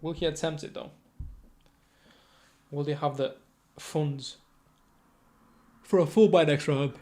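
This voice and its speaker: Guy casting a live esports match, fast play-by-play, kinda high voice, keeps correcting himself. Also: slight background noise. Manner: rapid, self-correcting, chatty asides, sudden excited outbursts. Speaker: esports caster.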